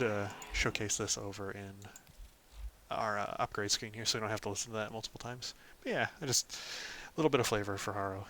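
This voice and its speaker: Male host for a casual game walkthrough, lower voice with a bright, forceful edge, relaxed filler-heavy delivery, faint background ambience. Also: a little hiss or hum. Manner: relaxed, lots of ums and "of course". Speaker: gaming channel host.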